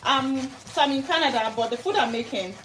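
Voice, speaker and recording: The host, a Nigerian woman, cooks at home on a casual live stream, chatting and naming viewers as she greets them. She sounds high, bright and expressive, talking a little fast, with some hiss or hum and an echoey kitchen.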